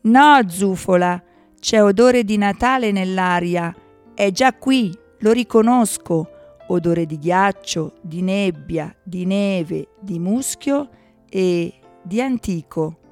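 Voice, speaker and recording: A woman voicing an excitable male woodland inventor animal in a children's storybook, eager and exclamatory. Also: mid-range voice, slow, soft background music, lightly acted. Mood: excited.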